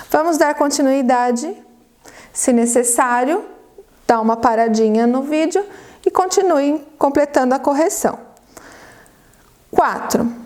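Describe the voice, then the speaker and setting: A Brazilian Portuguese woman teaching a primary school class on video, dictating words slowly and cheering the children on. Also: high voice, darkish tone. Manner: slow, drawn-out word dictation with encouraging prompts. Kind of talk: recorded video lesson for children.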